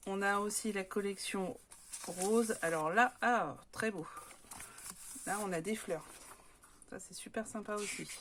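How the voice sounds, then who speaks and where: A woman's voice: mid-range voice, unhurried, pauses often, fairly bright tone, a little hiss or hum. A woman from France chatting casually as she shows off craft papers, with many hesitant fillers. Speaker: scrapbooking vlogger.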